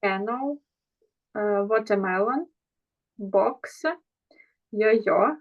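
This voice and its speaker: A woman student in an online English class, reading words aloud slowly and hesitantly over a video call. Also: mid-range voice. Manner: slow, hesitant, careful. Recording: dull lo-fi video call audio.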